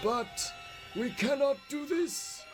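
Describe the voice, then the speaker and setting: A man voicing a grave old wizard headmaster, proclaiming slowly and solemnly over loud music. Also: extremely high pitch, lively intonation, voice pushed up, heavily acted.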